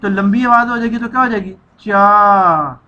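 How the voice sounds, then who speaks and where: Woman teacher, bright crisp voice, slow drawn-out syllables, children's reading lesson, dull lo-fi recording. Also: medium pitch. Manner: slow, drawn-out syllables, repeating each sound for children to echo.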